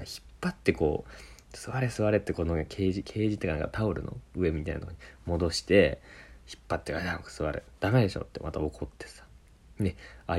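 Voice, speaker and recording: A low-voiced man tells a story in a casual monologue, his pitch leaping up and down as he goes. He laughs often and slips into put-on voices for the people he quotes. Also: darkish tone.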